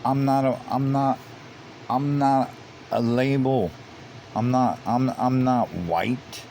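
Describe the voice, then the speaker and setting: In casual commentary, a man with a slow, dark, medium-pitched voice reads out online comments and repeats himself as he gets increasingly heated and emphatic. There is slight background noise.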